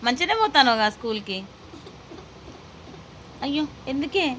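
A woman's voice: high-pitched, sing-song, moderate pace, noisy background. A woman in her thirties with a Telangana Telugu accent, chatting with her children at home and narrating her cooking for a family vlog. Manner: coaxing, questioning children, then quiet cooking narration. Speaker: mother and vlog host. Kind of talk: casual family vlog chat. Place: home kitchen.

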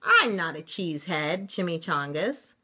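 A woman's voice: on the low side, very animated, measured pace, bright, forceful tone, slightly rough, exaggerated voice. A woman voicing a playful young male kitten who pretends to be a Chihuahua and adds mock Spanish endings to words.

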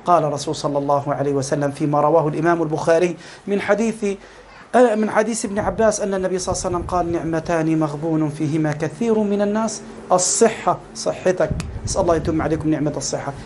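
A male preacher with an Egyptian Arabic accent and a high, slightly mellow voice delivers a fervent sermon at a rapid clip, his intonation fairly even. He repeatedly addresses his listeners as beloved brothers. A faint hiss runs beneath the recording.

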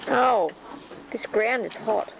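A woman's voice: on the high side, slow, vocal fry, over a noisy crowd, rough recording. An older woman, a grandmother filming by an outdoor pool, encouraging a child to jump, heard on an old home VHS tape recording. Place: outdoor backyard pool, in the sun.

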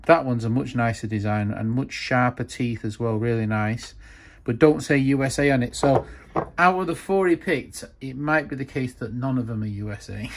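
A man's voice: mid-range voice, background noise. A man casually narrating a show-and-tell of old tools in his workshop, rambling with frequent ums and asides. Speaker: tool collector vlogger. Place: workshop, hands over a wooden bench.

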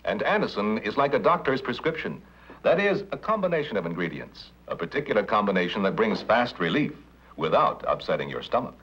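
A man narrating a scripted vintage commercial as announcer, in emphatic, deliberate, punchy phrases. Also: fairly low pitch, big pitch swings, a bit bright. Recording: dull old television commercial audio.

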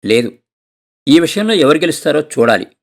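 A man's voice: a little high, big pitch swings, moderate pace, vocal fry. A man voicing a stern, practical middle-aged husband who lectures and insists in a storybook reading. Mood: insistent. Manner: insistent, scolding.

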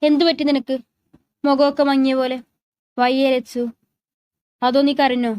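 A woman's voice: sits high, flat delivery, moderate pace, darkish tone, no room sound, lightly acted. A woman voicing a teasing, protective young man. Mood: concerned. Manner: teasing then serious.

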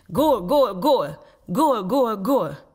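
A woman voicing an excitable little boy who cries out shrilly, in a storybook reading. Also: slightly rough. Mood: triumphant. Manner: shrill, crying out. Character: young boy, excitable, scared on thin ice.

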